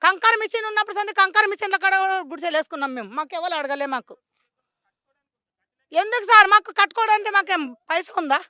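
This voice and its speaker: A woman with a strong Telangana accent pours out an impassioned complaint to a street reporter, pleading and repeating herself. Her voice sits very high and sounds sharp and forceful. The sound is dry and close, with no room echo. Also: fast. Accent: Telangana Telugu. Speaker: local resident interviewed on the street.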